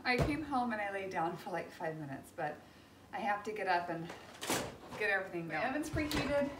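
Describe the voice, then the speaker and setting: A family vlogger in her thirties chats casually to a handheld phone camera in her car, in a shop and at home, rambling and upbeat. Her medium-pitched voice has lively intonation and a slightly fast pace, with background noise audible.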